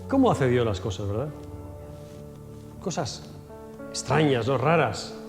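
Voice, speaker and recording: Lively storytelling pastor in a church hall. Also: male voice, mid-range voice, measured pace. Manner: acts out Bible scenes in quoted voices, shouts and laughs. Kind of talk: storytelling sermon. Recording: echoey church hall with faint music.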